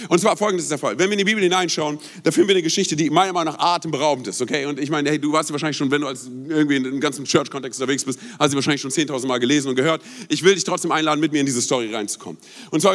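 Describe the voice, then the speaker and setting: A young adult male pastor preaching a passionate sermon, emphatic, often asking the listeners rhetorical questions and mixing in English words. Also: on the high side. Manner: mixes English words into speech.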